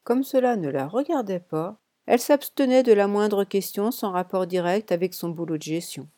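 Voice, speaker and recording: A woman narrating a novel chapter in a measured, deliberate reading with pauses. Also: mid-range voice, expressive, warm tone, no room sound, clean studio sound. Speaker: audiobook narrator. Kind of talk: scripted narration.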